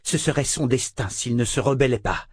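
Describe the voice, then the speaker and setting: A man narrating a fantasy audiobook in a measured, dramatic storytelling manner. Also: medium pitch, slightly rough, dry recording, studio quality.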